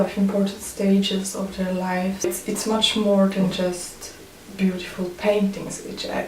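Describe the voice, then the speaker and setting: Speaking Swiss-accented English that isn't her first language (she grew up with German and French), a photographer from Switzerland talks in a loose, hesitant vlog manner. The voice is medium-pitched and slightly mellow, captured by a distant mic in a roomy space with faint noise.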